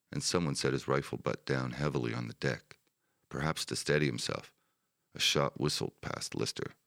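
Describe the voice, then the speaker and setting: A man narrating a wartime history audiobook in a steady, measured manner. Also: extremely low pitch, gravelly, no echo, clean studio sound.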